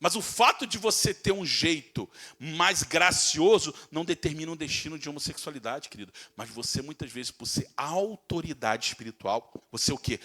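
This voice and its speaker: A male pastor preaching a sermon. He keeps asking the congregation rhetorical questions, acts out quoted insults, and stretches words as his loudness rises and falls. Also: mid-range voice.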